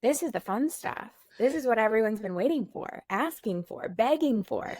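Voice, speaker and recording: A woman co-hosting an online course, explaining in a friendly, practical way with quick asides. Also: fairly high pitch, animated, a little mellow, dry recording. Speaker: course co-host. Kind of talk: casual course walkthrough.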